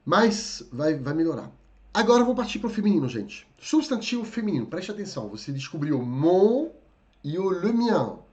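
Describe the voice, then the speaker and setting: A man teaching in a live online lesson, slightly hoarse and coughing a little, who keeps checking in with his viewers. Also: high-pitched, moderate pace, dull audio. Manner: lively, addresses viewers as "gente", frequent "tá?" check-ins. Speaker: French teacher.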